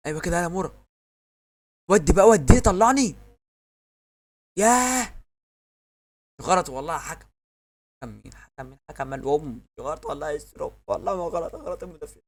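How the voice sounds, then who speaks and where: A man with an Egyptian accent giving excitable live commentary on his own football video game, yelling at the referee and his players. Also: on the high side, very fast. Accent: Egyptian Arabic. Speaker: gamer.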